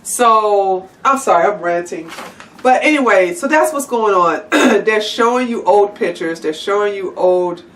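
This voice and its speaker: A woman's voice: medium pitch, unhurried, fairly bright tone, recorded from a distance, a little hiss or hum. A woman vlogger ranting to the camera, blunt and sarcastic, swearing freely. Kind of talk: angry profane rant to camera.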